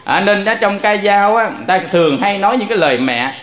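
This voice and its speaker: High-voiced male preacher. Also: quick pace. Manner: lively storytelling, addressing listeners directly. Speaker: Buddhist preacher. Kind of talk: sermon.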